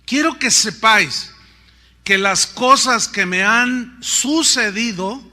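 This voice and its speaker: A man's voice: extremely high pitch, takes it slowly, pushed and bright. A middle-aged man, preaching a sermon with rhetorical questions and playful asides. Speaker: pastor.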